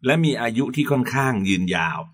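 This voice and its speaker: A man speaking as a guest scholar in a conversational lecture, measured and often checking that his co-host agrees. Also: medium pitch.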